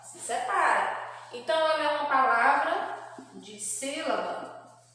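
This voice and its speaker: A primary school teacher with a Brazilian Portuguese accent gives a slow remote lesson to children, patiently spelling out syllables and asking checking questions. Her high voice is animated with a sharp tone, and the room is echoey with long reverb.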